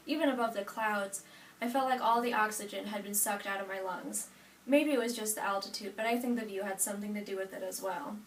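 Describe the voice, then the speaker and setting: An eighteen-year-old woman from Nebraska reads her own narrative speech from note cards, at a steady pace with the odd self-correction. She sits back from the microphone in a roomy space, with a faint hiss under her voice. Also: mid-range voice. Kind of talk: reading a prepared personal narrative speech. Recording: roomy sound from a distant mic.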